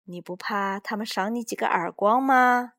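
A woman voicing a kindly, lonely retired old man in a storybook reading, speaking gently and unhurried. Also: medium pitch, close to an everyday voice. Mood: gentle.

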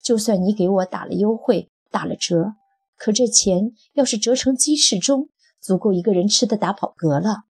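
A woman voicing a childish, defensive husband who rambles in a folksy way, with a breathy voice. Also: medium pitch, normal speed, mellow.

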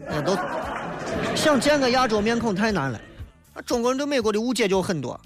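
High-voiced joking man with a Shaanxi accent. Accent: Shaanxi dialect. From Shaanxi, China. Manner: wry, joking, mocks misconceptions in a lively banter. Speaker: radio talk show host. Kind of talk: comic talk radio monologue.

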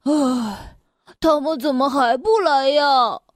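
A woman's voice: high voice, slow, no echo, studio quality. A woman doing sulky little birthday boy Douglas. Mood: sighing. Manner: whiny, upset, hesitant.

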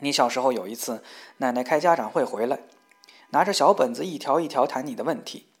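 A man reading a personal letter aloud in a measured, reflective way that grows heated when recounting arguments. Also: medium pitch. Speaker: reader.

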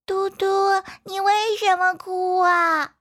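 A woman's voice: very high-pitched, steady tone, slow pace, fairly bright tone, pitched above the performer's own voice, heavily acted. A woman voicing a timid little child starting kindergarten, small and whiny, close to tears. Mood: gentle. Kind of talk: storybook reading.

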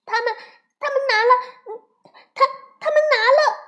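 A woman's voice: very high-pitched, measured pace, pitched above the performer's own voice. A woman voicing a frantic little girl bear cub who stammers and shrieks breathlessly in a storybook reading. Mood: upset.

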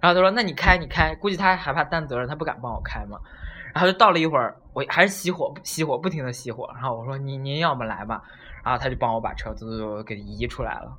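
Lively man telling a story. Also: medium pitch, rapid-fire. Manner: animated, acts out voices while telling a story. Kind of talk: casual storytelling chat.

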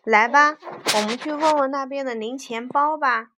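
Woman doing a bubbly, high, encouraging sidekick. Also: normal speed, a little hiss or hum. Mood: cheering. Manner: bright, exclaiming, encouraging. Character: cheerful, caring little companion who reassures a child.

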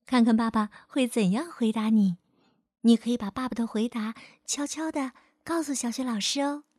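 A woman telling a storybook tale to small children in a gentle, coaxing way. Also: fairly high pitch, normal speed, slightly rough, dry recording, clean studio sound.

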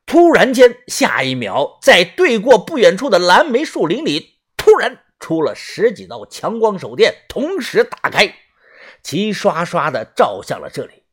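A man's voice: huge pitch swings, a little slow, a bit bright, slightly rough. A man narrating a suspenseful first-person audiobook, tense and dramatic in delivery. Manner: tense, suspenseful storytelling with strong pitch swings.

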